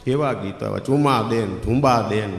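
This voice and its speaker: A middle-aged man with a Gujarati accent, telling comic stories on stage and jumping into loud, lively acted quotes. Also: on the low side, moderate pace, vocal fry, roomy sound, big-room sound. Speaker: stand-up comedian. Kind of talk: Gujarati folk comedy storytelling.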